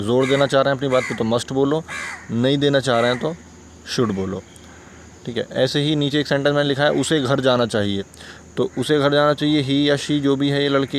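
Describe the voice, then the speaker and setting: Male teacher with a Hindustani accent, mid-pitched, patient explainer, faint background noise. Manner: patient, repeats examples, asks checking questions. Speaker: English teacher. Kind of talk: explaining grammar lesson.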